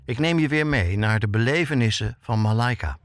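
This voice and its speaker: This man speaks briskly at a medium pitch. He's a podcast host and reporter whose scripted documentary narration is told like a story and leans on rhetorical questions.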